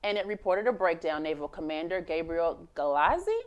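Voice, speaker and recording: A woman's voice: fairly low pitch, animated, a little fast, dull audio. Woman hosting a casual live news show. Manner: reads with many "uh" fillers, laughs easily.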